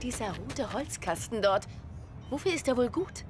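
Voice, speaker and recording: A woman's voice: a little high, sing-song, normal speed, soft background music. A woman playing a young elf adventurer in a video game, poised, practical and matter-of-fact. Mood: practical, inquiring. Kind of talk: video game character acting.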